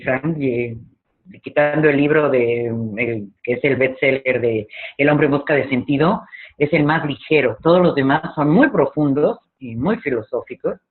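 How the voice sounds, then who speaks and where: A man giving a motivational talk on grief and loss, speaking in a measured way and asking the audience rhetorical questions. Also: mid-range voice. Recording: tinny phone-like sound.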